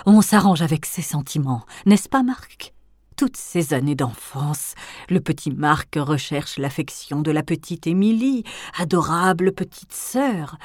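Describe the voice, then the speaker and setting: A woman voicing a cold, menacing elderly aristocratic grandmother in an audiobook, speaking in hushed, often whispered tones that swell into threats. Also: sits low, no echo, studio quality, exaggerated voice. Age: older. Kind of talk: audiobook character reading.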